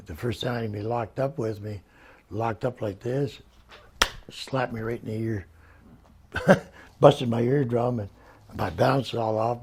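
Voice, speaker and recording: A man's voice: on the low side, gravelly, a little mellow, husky. An older man, a retired wrestler, reminiscing in an interview, rambling through stories and laughing often.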